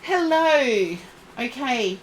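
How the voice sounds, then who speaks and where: Woman, psychic reader, live stream, chatty, unhurried, fairly high voice. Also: lively intonation, slight background noise, poor audio. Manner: chatty, addresses viewers by name. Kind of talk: live-stream readings for chat.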